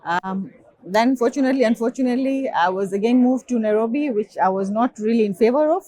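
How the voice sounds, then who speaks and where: A woman's voice: on the high side, fairly quick, warm tone, rough recording. A woman from Kenya, giving a conversational interview with frequent fillers. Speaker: guest.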